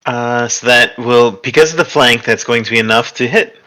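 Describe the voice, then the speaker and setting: A man runs a tabletop game with a bright, sharp tone. He calls turns in a relaxed, halting way. His voice sits at an ordinary middle pitch. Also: rough recording. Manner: relaxed, halting, with silly put-on enemy voices. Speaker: game master.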